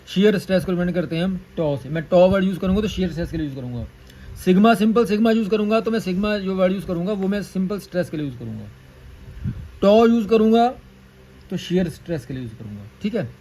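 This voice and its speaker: A man teaching an engineering lecture, repeating key terms and dictating formulas slowly. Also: high voice, a little mellow, poor audio.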